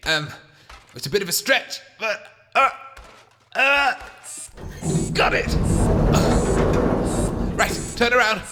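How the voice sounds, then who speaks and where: A man's voice: high-pitched, expressive, takes it slowly, long pauses. A British man performing a comic radio play with a blustering, laughing manner, music under his voice. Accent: British English. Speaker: comedy radio drama performer.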